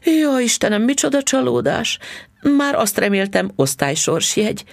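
A man reading a storybook voices a chatty, affectionate wife with a gushing, lilting manner and a creaky, husky tone. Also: lowish voice, sing-song, darkish tone, voice pushed up, heavily acted. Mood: sweetly gushing.

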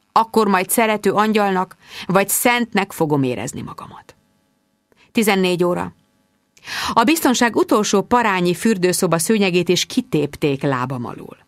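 A woman narrating a comic first-person diary in an expressive, animated way. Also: mid-range voice, no room sound, studio quality. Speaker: audiobook reader.

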